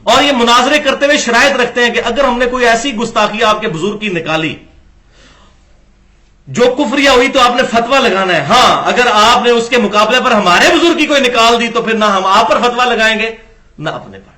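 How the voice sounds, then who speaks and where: Guy lecturing on religion, high sharp voice, keeps firing rhetorical questions. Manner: argumentative, rhetorical questions, acts out quoted dialogue.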